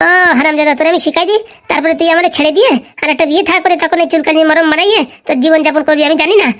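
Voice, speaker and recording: A woman playing a sharp-tongued village wife in a comedy skit, talking in rapid, cutting scolds. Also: extremely high pitch. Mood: scolding.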